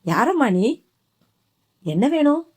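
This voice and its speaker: A woman voicing a gentle, puzzled old grandmother in an audiobook, with a high quavering voice. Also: very animated, slow pace, husky, exaggerated voice.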